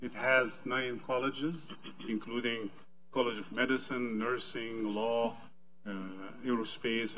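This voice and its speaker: A man's voice: fairly low pitch, fairly bright tone, poor audio. A middle-aged man, a university dean, giving a friendly panel presentation seated at a table in a conference room.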